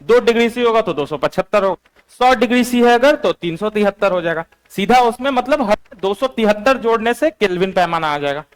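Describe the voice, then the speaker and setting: A man teaches in a high, light voice. He dictates notes slowly, says each phrase twice, and presses his online students for answers. His voice sits well above the usual male range. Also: lively intonation, smooth. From Bihar, India. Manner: slow and repetitive, quizzing online students. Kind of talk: classroom lecture, dictating notes.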